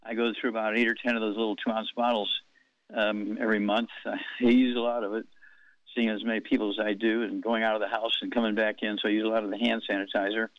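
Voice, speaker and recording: A man in his eighties hosting a radio talk show, rambling slowly through figures with many fillers. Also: fairly low pitch, little pitch movement, no room sound. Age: 80s. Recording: dull lo-fi radio sound.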